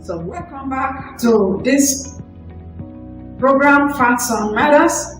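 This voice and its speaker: A woman hosting a talk show, presenting with an emphatic, drawn-out delivery. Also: sits high, heavy reverb, recorded from a distance, faint music behind, rough recording. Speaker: host.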